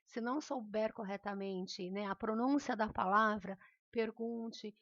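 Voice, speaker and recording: A woman's voice: mid-range voice, steady tone, measured pace, fairly bright tone, dry recording, highs cut off. A woman teacher with a Brazilian accent, giving a recorded remote lesson in a patient, encouraging way and often checking in with her students. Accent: Brazilian Portuguese.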